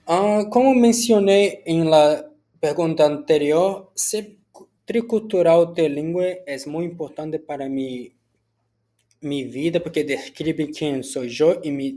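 Another take shows a Brazilian man, Portuguese his first language, speaking Spanish with that accent while he works through assigned school questions. Slightly high and mellow, he stumbles along with frequent restarts and "ah" fillers.

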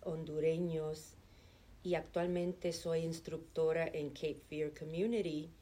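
Unhurried and low-voiced, a middle-aged Chicago woman who works as a nonprofit administrative assistant gives conversational answers in an interview. Her manner is calm and earnest, with fillers as she hesitates.

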